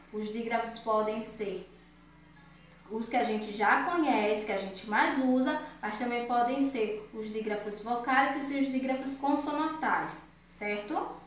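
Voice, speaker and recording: Echoey teacher woman drilling words slowly. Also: fairly high pitch, a bit bright. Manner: slow, emphatic word-by-word drilling. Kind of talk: children's grammar lesson. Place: room at home. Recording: very echoey room, distant mic.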